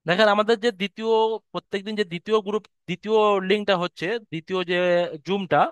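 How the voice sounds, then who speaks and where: High-voiced man teaching letter sounds. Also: fairly even intonation, smooth, no room sound. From West Bengal, India. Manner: patient, repeats letters slowly for students to copy. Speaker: Quran recitation teacher. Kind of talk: online lesson on letter pronunciation. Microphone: video call.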